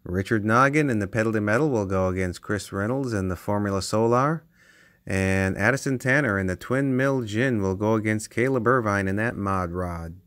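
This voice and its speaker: A man with a fairly low voice calls diecast car races play by play, his voice rising at the close calls. The sound is dry and close, with little room echo. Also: normal speed. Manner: excitable play-by-play calling. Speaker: race commentator and channel host. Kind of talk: race commentary. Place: basement with toy race track.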